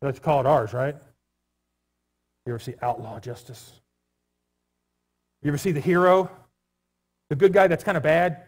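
A man with a light, higher voice preaches a sermon in a church. His delivery is loose and conversational, full of jokes and asides to the people in the pews. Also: steady tone, normal speed, long pauses, darkish tone. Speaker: pastor. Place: church sanctuary.

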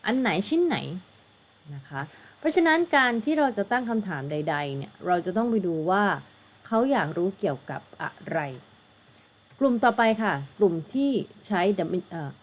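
A woman with a Thai accent tutors English grammar for an exam. She explains slowly and patiently, spelling words out letter by letter and ending her phrases with polite particles. Her voice sits at a middle pitch. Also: very animated. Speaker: English teacher.

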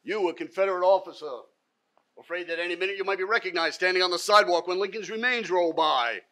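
An older man playing an aggrieved man in a theatrical dramatic monologue, reproaching someone with emphatic, accusing questions and deliberate pauses. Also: sits high, fairly bright tone. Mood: indignant accusation. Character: aggrieved man reproaching a former Confederate officer, accusing, sorrowful. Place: theatre stage, indoors.

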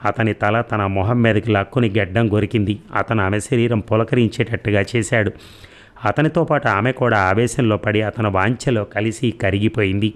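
Guy reading a story aloud, low voice, calm and measured. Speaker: audiobook narrator. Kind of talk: storytelling narration.

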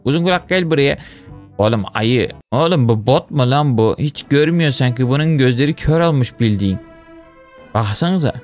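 A man commenting playfully on a game he plays, teasing others and often shouting high-pitched calls. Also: lively intonation, normal speed, faint music behind. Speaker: gaming YouTuber. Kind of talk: casual let's-play commentary.

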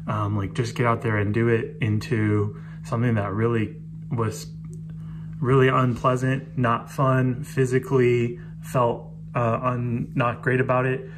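A man's voice: medium pitch, background noise. A man talking candidly to camera in a casual art vlog, rambling and frustrated. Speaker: artist vlogger. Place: outdoors on a city street, then indoors.

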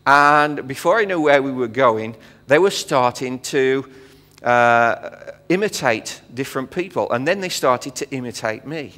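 Lively intonation and a measured pace mark this middle-aged man's fairly bright, medium-pitched voice. He's an English pastor visiting a church, giving a sermon from the hall stage to an audience in a relaxed, joking style with frequent fillers and quips. A long reverb fills the recording.

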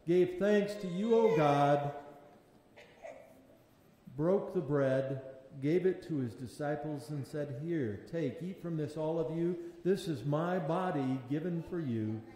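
A man serving as pastor, leading a sermon and communion in a measured, prayerful cadence, his voice ringing with a long echo in a large church. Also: fairly high pitch, warm tone. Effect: long echoing church reverb. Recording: long reverb in a large hall.

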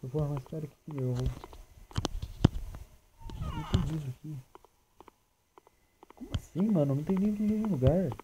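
A man's voice: a little high, huge pitch swings, brisk, pauses often, background noise. A teenage boy with a Brazilian accent commentating a horror game, nervous and joking, yelping at scares and talking back to the monsters. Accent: Brazilian Portuguese. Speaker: gaming channel host. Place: at home.

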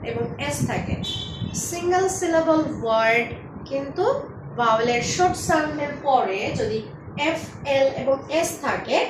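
Woman phonics teacher, slow and deliberate, higher voice, echoey room. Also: expressive, noisy background. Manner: slow, deliberate, repeats example words one by one. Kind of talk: explanatory lesson.

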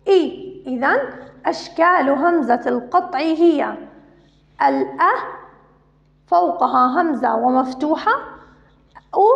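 High-voiced woman teacher in an echoey room. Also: vocal fry. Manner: patient, explains step by step with repeated questions. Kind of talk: recorded grammar lesson for children. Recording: echoey room, dull lo-fi sound.

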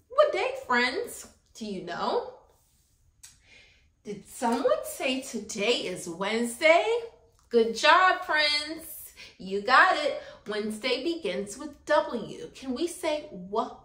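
A woman's voice: sits high, bright, forceful tone. A young woman teaching small children in an earnest, upbeat, sing-song schoolteacher manner, asking encouraging questions to camera. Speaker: preschool teacher. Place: small room set up as a classroom, indoors. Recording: roomy indoor echo.

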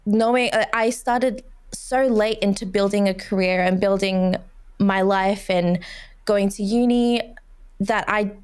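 A young woman in her twenties hosting a podcast interview into a studio boom mic, speaking in an open, personal, conversational way. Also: steady tone, unhurried, a little mellow, clean tone. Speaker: podcast host. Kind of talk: casual interview chat. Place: small studio room. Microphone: studio mic on boom arm with headphones.

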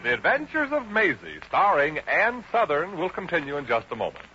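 A man's voice: a little high, wildly swooping pitch, a little fast. A man announcing a 1950s radio show in the period style. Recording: dull old radio recording, loud music.

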